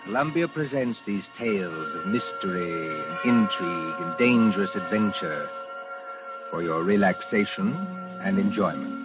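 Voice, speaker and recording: A man giving measured, formal, scripted announcements in the style of 1940s radio. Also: sits low, expressive. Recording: dull vintage radio recording, loud music. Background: loud music.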